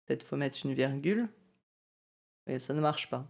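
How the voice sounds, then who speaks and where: A man's voice: medium pitch, expressive, moderate pace, vocal fry. A man walking through a music-selling site's settings in a casual screen-recorded tutorial, talking loosely with lots of hesitations and self-deprecating asides.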